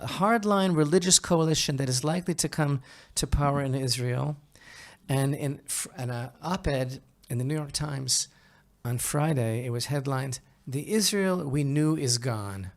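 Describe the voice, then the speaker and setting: This podcast host has a mid-range voice and offers his opinions conversationally, in a halting, emphatic manner marked by repeated phrases and frequent check-ins with listeners.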